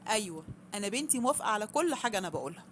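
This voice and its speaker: A woman's voice: mid-range voice, sing-song, very fast, slight background noise, close to an everyday voice. A woman with an Egyptian accent voicing a bossy, meddling mother who talks scornfully, in a storybook reading.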